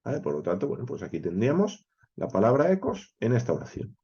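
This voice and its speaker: A man's voice: mid-range voice, huge pitch swings, fast, warm tone, breathy edge, highs cut off. A man with an accent from Spain teaching a verse-by-verse Bible lesson, working through each step methodically and counting letters aloud, often checking in with his listeners.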